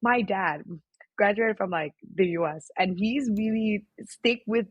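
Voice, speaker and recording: A woman's voice: medium pitch, measured pace, breathy edge, no room sound, dull audio. A young woman from Thailand with a Thai accent, co-hosting a casual podcast chat, talking chattily with lots of fillers and frequent laughs. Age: young adult. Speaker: podcast co-host.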